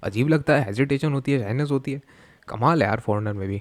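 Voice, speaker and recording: A man's voice: medium pitch, quick pace, heavy background noise. A young Indian man with an Indian accent giving joking, chatty reaction commentary, mixing Hindi and English. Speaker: reaction video host.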